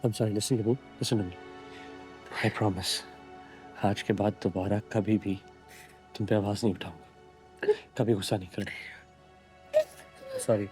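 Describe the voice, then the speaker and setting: An actor playing a young husband who is protective and quick-tempered but tender, talking earnestly in a TV drama. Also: male voice, on the low side, steady tone, a little mellow, faint music behind. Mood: apologetic. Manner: earnest, swings between urgent worry and teasing. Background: drama background score.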